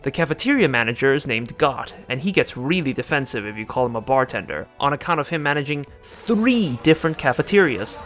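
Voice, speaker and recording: A man's voice: mid-range voice, animated, a little fast, hardly any pauses, fairly bright tone, soft background music. Sarcastic man narrating a video essay. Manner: sarcastic, joking. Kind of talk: scripted commentary.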